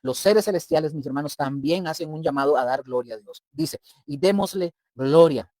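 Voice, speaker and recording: A man's voice: a little high, normal speed, darkish tone, dry recording. A male preacher teaching scripture in an emphatic, explaining way. He keeps turning to his listeners as brothers and acts out little scenes to make the point. The sound is dry and close, with no room around it. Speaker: preacher teaching a Bible study. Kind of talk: sermon-style Bible teaching.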